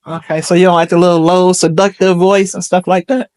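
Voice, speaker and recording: A woman's voice: lowish voice, little pitch movement, a little mellow. Laughing Detroit woman hosting a dating show. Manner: laughs often, quick casual questions. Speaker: game show host.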